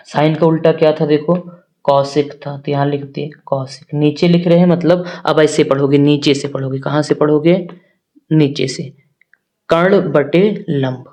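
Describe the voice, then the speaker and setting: A man's voice: a little high, warm tone. A man teaching a maths lesson, talking straight to his students, asking them questions and answering them himself. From northern India. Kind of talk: classroom-style maths lesson.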